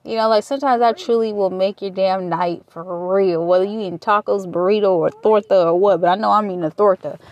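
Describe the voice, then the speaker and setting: A woman's voice: medium pitch, a little fast, hardly any pauses, darkish tone, dull audio. A woman in her late twenties from Michigan, talking candidly and a bit rambling on her own podcast, with casual swearing. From Michigan, USA. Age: late 20s. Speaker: podcast host. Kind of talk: casual personal podcast monologue. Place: waiting at a taco shop.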